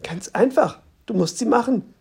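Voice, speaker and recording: A narrator doing a stubborn young woman who questions and presses hard. Her voice is a little husky and breathy, read aloud as part of a story. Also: fairly high pitch, lively intonation, normal speed, mellow, voice pushed up, full character voice. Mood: insistent. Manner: questioning, insistent. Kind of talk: audiobook reading.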